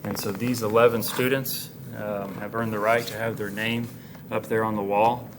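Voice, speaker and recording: A low-voiced American man addresses students like an orientation leader, in a flat, even tone. He is plain-spoken and encouraging, pausing often as he works through informal school announcements. There is clear background noise on the recording. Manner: encouraging, congratulatory, plain-spoken, halting phrasing. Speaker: high school administrator giving announcements to students.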